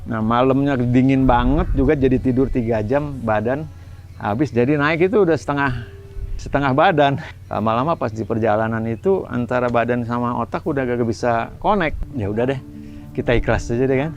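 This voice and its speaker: A man talking in a relaxed, thoughtful way, musing loosely in casual chat. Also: medium pitch, brisk, lo-fi sound, faint music behind. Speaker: hiking companion and speaker on sincerity.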